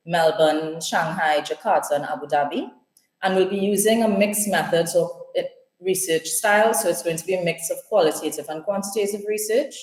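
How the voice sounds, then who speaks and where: A woman from Trinidad and Tobago, giving a measured, formal conference presentation remotely. Her voice is heard over a video call in a screen recording. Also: lowish voice, a little mellow, echoey room, rough recording. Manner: measured, formal, listing points.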